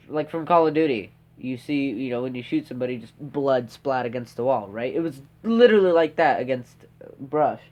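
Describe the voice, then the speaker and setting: A stuffy-nosed teenage boy, hosting a podcast, rambles through a casual story packed with fillers and tag questions. He has a medium-pitched voice with a darkish tone.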